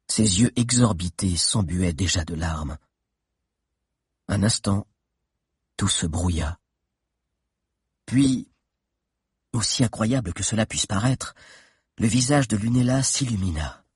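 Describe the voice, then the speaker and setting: A man reading a children's adventure novel aloud in a steady, dramatic narration with tense pauses. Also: fairly low pitch, husky, no echo, clean studio sound. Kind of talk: audiobook narration.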